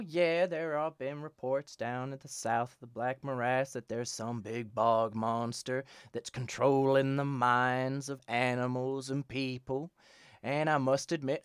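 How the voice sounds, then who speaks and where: A man's voice: medium pitch, clean tone, no echo, studio quality, natural voice. A man playing a flustered stammering mayor. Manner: stammering, defensive. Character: flustered human mayor, male, middle-aged.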